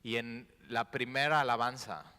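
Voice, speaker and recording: A male pastor preaches with a bright, forceful voice that carries through a long hall reverb. He drops to hushed, prayerful tones, then surges into loud exclamations. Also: mid-range voice, fairly even intonation, normal speed, clear, resonant tone. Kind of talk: sermon. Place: church sanctuary.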